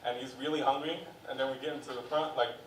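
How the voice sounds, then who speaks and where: A man's voice: mid-range voice, fairly even intonation, fast, a little hiss or hum. A young man performing a stand-up set on a comedy club stage, telling stories in a chatty way and acting out the people in them. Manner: chatty storytelling with acted quotes. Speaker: stand-up comic. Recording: roomy club sound from a distance.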